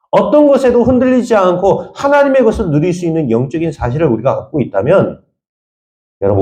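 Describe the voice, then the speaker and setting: Preaching to his congregation, a man from Jeolla, Korea, speaks with a fairly high pitch and a warm tone. This pastor's sermon is full of emphatic repetition and rhetorical questions.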